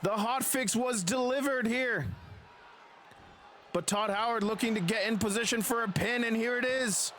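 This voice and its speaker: A man doing dramatic, excited pro wrestling play-by-play in the manner of a ringside announcer. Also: extremely high pitch, normal speed, slight background noise. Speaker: streamer and wrestling commentator.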